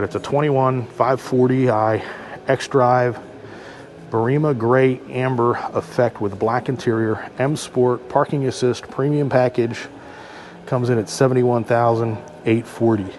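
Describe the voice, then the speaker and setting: A man giving a casual, unscripted car dealership walk-through as a vlogger, halting and thinking aloud as he looks around. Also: mid-range voice, steady tone, darkish tone. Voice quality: talking through a face mask indoors. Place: car dealership, showroom then outdoor lot. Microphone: microphone with a furry windscreen. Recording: handheld vlog with background ambient noise.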